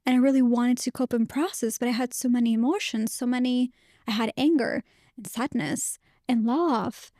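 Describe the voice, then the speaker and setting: Higher-pitched woman, candid podcast host. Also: normal speed, warm tone, dry recording, studio quality. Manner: candid and reflective, many restarts. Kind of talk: casual conversation.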